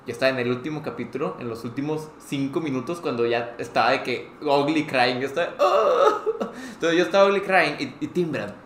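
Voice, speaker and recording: A man's voice: medium pitch, fast talker, few pauses. A young man with a Mexican Spanish accent, co-hosting a podcast and telling a story in casual chat, acting out quotes. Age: young adult. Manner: animated, acts out quotes with swearing. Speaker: podcast co-host. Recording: roomy echo, faint noise.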